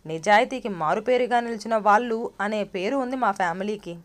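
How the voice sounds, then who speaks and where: A woman storyteller voicing a loud, quarrelsome male bus passenger who demands his ticket and boasts of his family's honour. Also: a little high, a little fast, close to an everyday voice. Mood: indignant, demanding. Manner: shouting, demanding, self-righteous.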